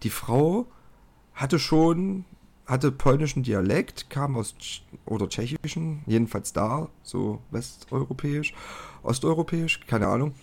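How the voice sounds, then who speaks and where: A man's voice: mid-range voice, expressive, a little slow, gravelly. A man casually telling a personal story on a podcast, chatty and colloquial. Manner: chatty, colloquial, often says "halt" and "so".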